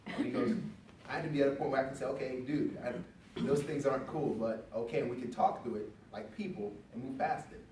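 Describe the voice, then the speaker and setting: A man's voice: medium pitch, fast, slight background noise. Man telling a story on a panel. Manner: conversational, animated when quoting others. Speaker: veteran panelist. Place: event hall. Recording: echoey room from a distance.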